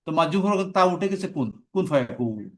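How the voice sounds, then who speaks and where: A man's voice: high voice, rapid-fire, a bit bright. A man teaching Quranic Arabic grammar in a live class, explaining step by step and reciting verb forms in lists.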